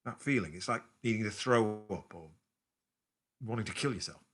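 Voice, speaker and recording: A man's voice: fairly low pitch, normal speed, fairly bright tone, natural voice. An actor playing a man with a London accent who tells his partner a story in a rambling, distracted way in a naturalistic stage drama. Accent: London English. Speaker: actor in a two-hander play.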